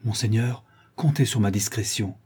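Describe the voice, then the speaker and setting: A man's voice: on the low side, moderate pace, warm tone, slightly rough. A man voicing a respectful young nobleman explaining himself to a count, in a read-aloud story. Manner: deferential, explanatory. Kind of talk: audiobook reading.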